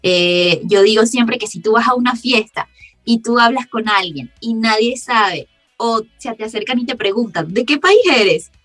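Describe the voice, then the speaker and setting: A woman's voice: a little high, normal speed, fairly bright tone, no room sound, faint music behind. Laughing Venezuelan woman, voice actress. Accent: Caracas Venezuelan Spanish, softened. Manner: explains with frequent laughter. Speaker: voice actress guest. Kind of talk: casual podcast interview.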